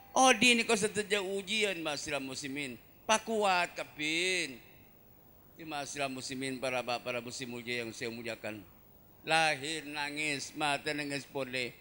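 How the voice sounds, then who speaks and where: A man's voice: fairly high pitch, normal speed, bright, forceful tone. A male preacher giving a sermon, delivering rhyming verses in a rhythmic, sing-song way.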